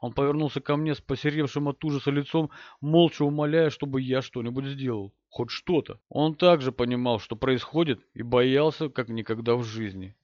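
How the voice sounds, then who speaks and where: A man narrating a horror audiobook in a measured, steady way. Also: medium pitch, no echo, lo-fi sound.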